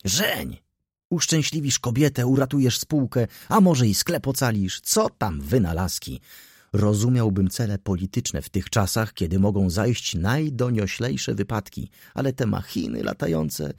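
A man voicing an excitable old clerk. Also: unhurried, breathy edge, no echo, clean studio sound, heavily acted. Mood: insistent. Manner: fervent, pleading, rises to high excited peaks. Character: aging, excitable old male shop clerk. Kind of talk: audiobook dialogue reading.

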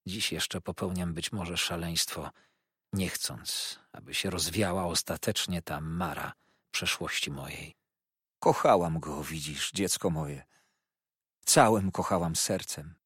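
A man's voice: low voice, measured pace, fairly bright tone, husky, no room sound, studio quality, full character voice. A man reading an audiobook, voicing a proud, wounded older aunt who speaks in a dignified, reproachful way. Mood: rueful.

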